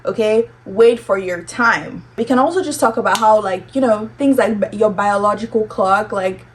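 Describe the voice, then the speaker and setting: A woman's voice: medium pitch, moderate pace. A young woman chatting casually on her vlog, giving advice and checking in with "okay?" often. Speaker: vlogger. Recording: distant mic with faint room noise.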